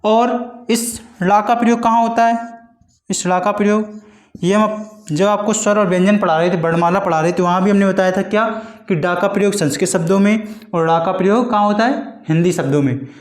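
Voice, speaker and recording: A man teaching a Hindi grammar lesson for exam preparation, explaining slowly and repeating points, with frequent check-ins. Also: sits high, roomy sound.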